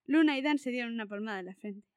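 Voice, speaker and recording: A woman's voice: on the high side, fast talker, smooth, no room sound, clean studio sound. A woman narrating an animal storybook aloud, reading expressively.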